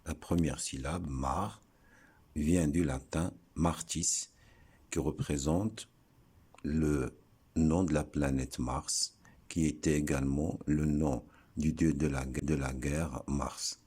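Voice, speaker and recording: A man giving a slow, deliberate lesson, breaking words into syllables and pausing often. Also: very deep voice, fairly even intonation, dark tone, breathy edge. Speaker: teacher explaining word origins.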